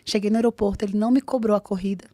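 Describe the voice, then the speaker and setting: A woman's voice: mid-range voice, dry recording, studio quality. A woman, telling a personal story as a podcast guest, acting out the dialogue. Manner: animated, acts out dialogue in quick voices. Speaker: guest, jiu-jitsu fighter.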